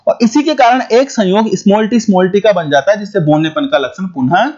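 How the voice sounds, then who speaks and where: A man teaching a school biology lesson, talking quickly, repeating points and checking whether his students follow. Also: high voice, a little mellow. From India. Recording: dull lo-fi recording.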